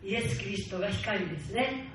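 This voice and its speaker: A woman pastor preaching a sermon with fervent, slow, stressed phrasing that builds in urgency. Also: medium pitch. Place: church hall. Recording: far-off mic in echoey hall, faint hiss.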